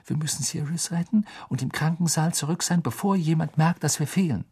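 A man voicing a clever, anxious teenage girl witch in a hushed, urgent way. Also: a little high, brisk, slightly rough, pitched above the performer's own voice.

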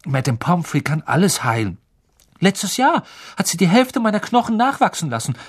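An indignant teenage schoolboy, as a male narrator plays him, raised in pitch and loud, blunt and quick to defend his friend. The reader's husky tone colours the boy's voice in this storybook scene. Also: sing-song, heavily acted.

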